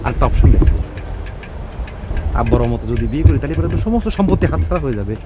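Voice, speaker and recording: A man's voice: a little high, very noisy. An actor playing a scheming young man talking matter-of-factly about marriage. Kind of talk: comedy drama monologue.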